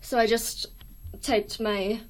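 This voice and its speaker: A woman's voice: fairly high pitch, level tone, slow pace, a little hiss or hum, poor audio. Weak, thin-voiced young woman chatting on livestream. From United States. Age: young adult. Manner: apologetic, hesitant. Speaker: live stream host. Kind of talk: casual livestream chat. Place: small dorm room.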